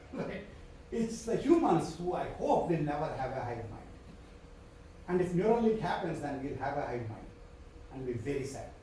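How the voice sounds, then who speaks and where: A man with an Indian accent and Telugu as his first language gives a live university lecture as a professor, digressing and trailing off into fillers and short chuckles. His fairly high, dark-toned voice swings widely in pitch at normal speed with long pauses. It's recorded from far off in an echoey lecture hall, with a little hiss or hum.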